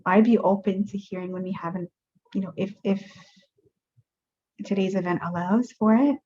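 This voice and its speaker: A woman's voice: mid-range voice, darkish tone. A woman making her case on an online panel, earnest and casual, with plenty of fillers and restarts. Her voice comes through a dull, lo-fi video call line.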